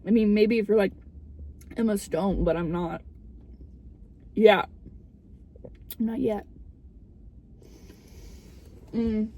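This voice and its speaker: A woman's voice: medium pitch, takes it slowly, pauses often, mellow. A young woman in a casual car vlog, talking candidly and a little theatrically with plenty of swearing. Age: young adult. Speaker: vlogger. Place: inside a car. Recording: background noise inside a car.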